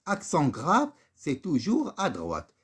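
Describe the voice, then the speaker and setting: A man with a Moroccan accent teaching French, slowly going through a text and pointing out each accented word. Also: fairly high pitch, wildly swooping pitch, a bit bright, breathy edge. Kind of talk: classroom lesson explaining French accents.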